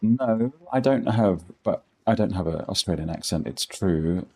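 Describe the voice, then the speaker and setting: With a low voice, lively intonation and a measured pace, a middle-aged posh-accented Englishman streams a game and chats casually with viewers. His darkish, slightly rough tone carries rambling, dry self-deprecating humour.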